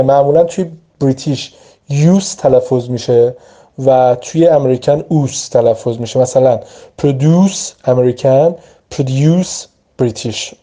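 A man teaching English vocabulary to Persian speakers, slowly stretching out example words as he explains them. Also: medium pitch, mellow. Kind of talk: vocabulary lesson.

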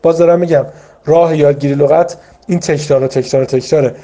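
A man's voice: fairly high pitch, fairly even intonation, warm tone. A man teaching vocabulary, giving patient, informal study advice straight to his students and repeating his key points step by step. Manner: patient, repetitive, explains step by step with many asides; addresses students directly and encouragingly.

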